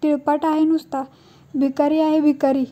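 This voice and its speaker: A furious, threatening middle-aged village father-in-law, read out by a woman in a high, flat voice. The tone is muted and dark, and the scolding lines come at a steady pace. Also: moderate pace, muffled recording, close to an everyday voice. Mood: angry.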